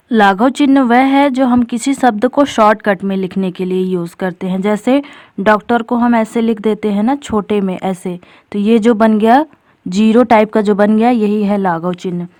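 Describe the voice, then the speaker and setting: A woman's voice: medium pitch, measured pace, darkish tone, no echo, clean studio sound. A woman teacher explaining a grammar topic step by step for exam preparation, addressing viewers directly as friends. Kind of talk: exam-prep grammar lesson.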